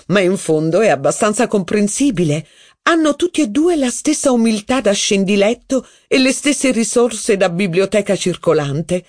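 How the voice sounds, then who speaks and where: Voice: mid-range voice, darkish tone, dry recording, clean studio sound, voice pushed up, natural voice. An audiobook reader voicing a haughty, witty aristocratic duchess, with mocking, theatrical, exclamatory speech. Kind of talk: audiobook reading.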